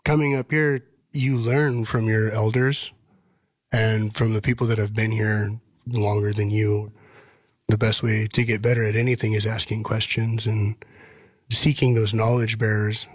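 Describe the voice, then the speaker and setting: A man in his thirties from Washington state, a podcast guest who tells his story in an earnest, measured way. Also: lowish voice, little pitch movement, husky, dry recording, clean studio sound. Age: 30s. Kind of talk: casual podcast conversation.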